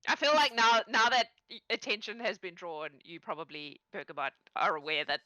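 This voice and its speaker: A woman's voice: medium pitch, steady tone, fairly quick, pushed and bright, no echo, rough recording. A woman acting as game master, narrating a tabletop game casually and off the cuff, often giggling through her sentences.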